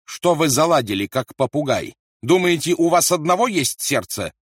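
Volatile shouting interrogator, read by a man, high, loud, dry recording. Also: animated, moderate pace, breathy edge, dry recording. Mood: irritable. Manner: shouting, raging, threatening. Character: ruthless male wartime interrogator, shouting, volatile.

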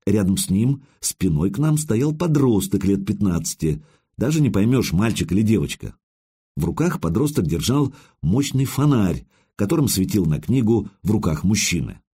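A man's voice: fairly low pitch, big pitch swings, normal speed, dark tone, breathy edge. A man narrating a first-person audiobook in a wry, conversational storytelling manner.

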